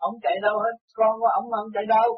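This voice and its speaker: A man's voice: high-pitched, little pitch movement, racing. A man acting as a spiritual counselor who reassures and lectures in casual chat. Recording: muffled recording, faint noise.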